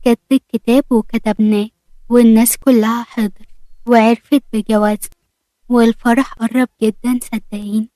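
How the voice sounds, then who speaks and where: A woman's voice: a little high, level tone, moderate pace, mellow, dry recording, close to an everyday voice, poor audio. A woman with an Egyptian accent voicing a young man in love who pleads and reassures affectionately in a story reading. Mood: tender.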